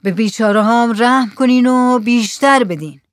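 A woman's voice: on the high side, dry recording, studio quality, natural voice. A woman voicing a complaining, childless village man in a storybook reading.

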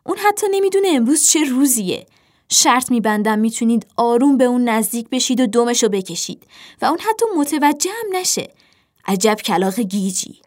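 A woman's voice: mid-range voice, natural voice. Woman voicing a bossy smug crow leader. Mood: scornful. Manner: commanding, smug. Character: bossy self-satisfied young male crow leader.

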